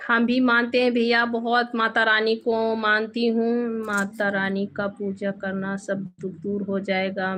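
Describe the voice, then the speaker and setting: Woman, live-stream host, flat even voice, soft devotional chat, faint home background noise. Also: medium pitch. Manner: soft-spoken, devotional, thanks viewers often. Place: home with two bedrooms and a temple.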